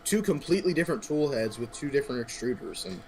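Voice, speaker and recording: A man's voice: mid-range voice, big pitch swings, fast, over a noisy crowd. A man chatting casually with a friend over a voice call, tossing in joking, teasing asides. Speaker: guest friend. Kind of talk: casual chat. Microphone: voice chat.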